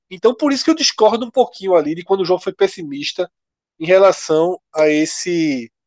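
A man from co-hosting a casual panel chat, talking in a loose, slangy, animated way. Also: high voice, dry recording. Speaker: co-host.

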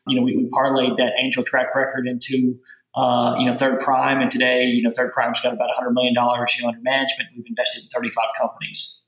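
A man in his forties with a Southern Kentucky accent, talking casually as an interview guest, halting and full of filler words. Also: medium pitch, monotone, a bit bright. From rural Kentucky. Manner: halting, heavy use of "you know" fillers and repeated words. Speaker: venture capital guest. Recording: roomy echo.

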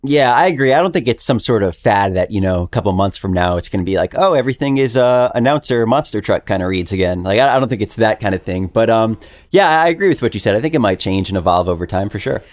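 A man's voice: lowish voice, animated, fast talker. A man hosting a podcast, chatting casually and agreeably, with many fillers, as he reads out listener questions. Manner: agreeable, affirming, filler-heavy. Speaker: podcast host. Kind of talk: casual interview chat.

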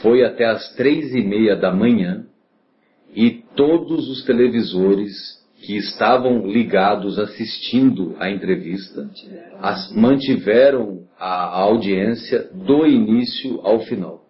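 Low-voiced co-host, matter-of-fact. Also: male voice, slow pace, highs cut off. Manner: matter-of-fact, corrects details. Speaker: podcast co-host. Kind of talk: casual conversation.

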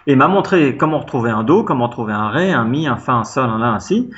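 This fast-talking man from France, pitched in a typical middle range, tells an extended childhood anecdote while being interviewed. It's chatty and lively, with lots of fillers and false starts, and the audio comes across as somewhat dull and lo-fi.

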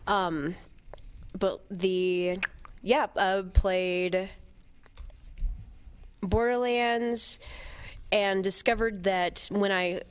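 A woman co-hosting a casual podcast, her voice gravelly from a bad illness she is getting over. She talks in an animated, halting way at a medium pitch. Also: a little hiss or hum. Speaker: podcast co-host. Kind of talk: casual chat.

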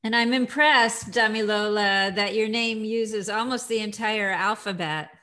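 A woman's voice: medium pitch, fairly even intonation, measured pace, sharp tone. A woman co-hosting an interview, friendly and brief in her remarks. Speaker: co-host. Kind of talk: conversational interview.

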